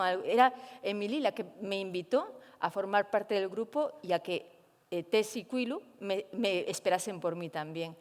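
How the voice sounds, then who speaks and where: A woman's voice: a little high, long reverb tail. A young woman tells her own story in an interview, acting out her inner thoughts as she goes. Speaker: primatologist guest.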